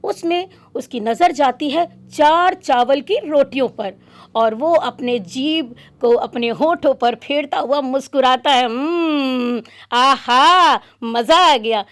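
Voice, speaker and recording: A woman narrating a children's story expressively, pausing to explain words. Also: high-pitched. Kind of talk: storytelling demonstration for teachers.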